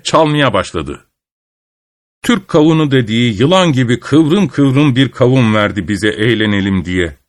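A man telling a folk tale aloud in a steady, even storytelling way. His voice sits at an ordinary mid pitch. The recording is dry and close, without any room echo.

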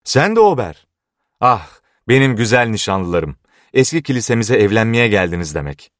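A frantic, half-mad old clockmaker, as a male audiobook narrator puts him on, crying out in anguish. The voice is pushed up high and strained. It sounds close and dry, with no room around it. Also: lively intonation, normal speed, no echo. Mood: overjoyed. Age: older. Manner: anguished shouting.

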